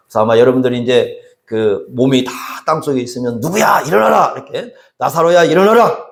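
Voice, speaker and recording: A man preaching an expository sermon, lively and questioning, asking his congregation questions and answering them himself. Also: fairly high pitch, reverberant. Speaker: pastor. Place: church sanctuary.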